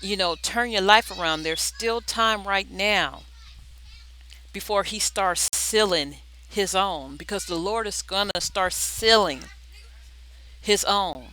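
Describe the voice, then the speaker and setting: A person giving an impromptu religious exhortation like a video diary, pleading earnestly and urgently, often repeating words in a halting way. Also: mid-range voice, sharp tone, low-quality recording. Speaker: video diarist sharing prophetic dreams.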